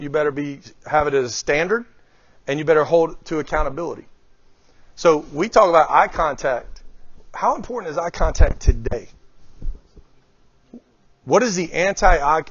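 A middle-aged man delivers a motivational leadership talk to a small live group, often throwing questions at them. His voice sits a bit higher than most men's, on a dry, dull lo-fi recording with no room sound. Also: no room sound. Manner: lively, questions the audience often. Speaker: guest speaker.

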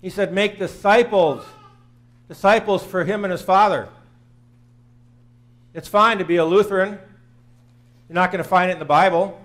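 A man's voice: high voice, steady tone, moderate pace, pauses often, fairly bright tone. A man in his fifties preaching a sermon in a small church, earnest and plain-spoken, repeating phrases for emphasis. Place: small church sanctuary, in front of the altar.

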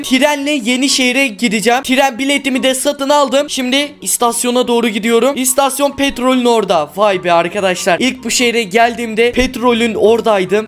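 A man doing Minecraft role-play commentary as a gaming YouTuber, excitable and quick to swear and shout at the characters. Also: very high-pitched.

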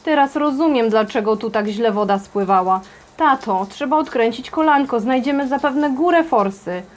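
A woman voicing a hurried teenage older sister who talks in an urgent, shrill way. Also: lively intonation, lightly acted. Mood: excited.

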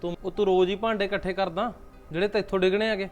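A man's voice: high voice, fairly even intonation, soft background music, close to an everyday voice. An actor playing a short-tempered young husband scolding his relatives in a family drama. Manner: quick, scolding.

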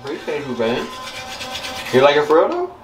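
A young adult man bantering in a relaxed, joking way as co-host of a casual vlog. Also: fairly high pitch, brisk, slight background noise. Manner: laid-back, joking banter. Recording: echoey room, off-mic, loud music.

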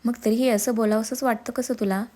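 A woman's voice: on the high side, a little fast, mellow, close to an everyday voice. A woman voicing an irritable, overworked young husband in a storybook reading. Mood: irritated. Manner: curt, exasperated, then coaxing.

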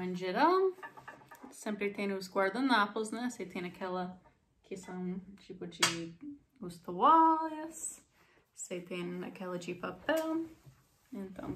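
Slow American woman teaching English. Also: mid-range voice, fairly bright tone, a little hiss or hum. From United States. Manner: slow, careful delivery, models English phrases with emphasis. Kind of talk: English lesson in Portuguese.

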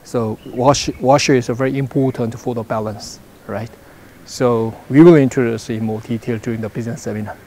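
Man, 40s, halting English full of fillers, mellow, faint outdoor hiss. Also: mid-range voice, fairly even intonation. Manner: halting non-native English with many fillers. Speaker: product manager interviewee. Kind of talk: interview answers. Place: outdoors in front of a branded backdrop. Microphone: lapel mic.

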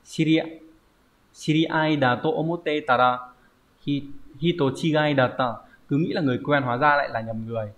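A man's voice: fairly high pitch, fairly even intonation, normal speed, a bit bright. Man teaching vocabulary, dull lo-fi sound. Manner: explains step by step, asking rhetorical checks like "right?". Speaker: Japanese teacher. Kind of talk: online vocabulary lesson. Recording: dull lo-fi recording.

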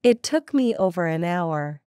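A woman reading short English practice sentences aloud in a plain, deliberate way. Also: on the low side, lively intonation, warm tone, smooth, no room sound, studio quality.

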